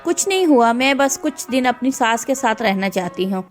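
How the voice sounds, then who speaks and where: A woman voices a stubborn young daughter of about twenty in an animated storybook, lively and quick to protest. Her voice sits high, and faint music plays behind her. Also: natural voice.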